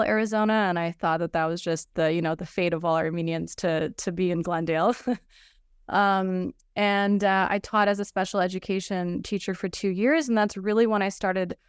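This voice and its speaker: A woman in her thirties, raised between the United States and Russia, talks through her story on a video-call panel. Her voice is low, smooth and clear, with lots of "um"s and restarts. The sound is dry and close. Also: no echo. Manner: conversational, frequent fillers and restarts. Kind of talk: webinar self-introduction.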